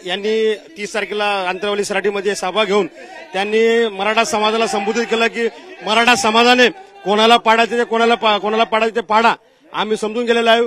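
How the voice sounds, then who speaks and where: Determined Marathi man, high voice. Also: a bit bright. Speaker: community activist in a debate. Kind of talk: political statement at a public debate.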